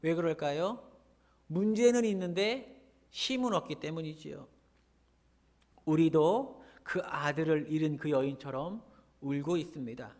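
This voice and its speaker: A male pastor preaching a sermon, earnest, driving his points home by repeating key phrases. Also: on the high side. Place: church sanctuary. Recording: long church hall reverb.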